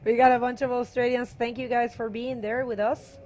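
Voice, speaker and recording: A woman calling a surf contest live, her voice a little high. She talks casually, pauses often and fills the gaps with ums and uhs. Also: level tone, darkish tone. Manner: casual, hesitant, with many fillers. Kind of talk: live sports commentary.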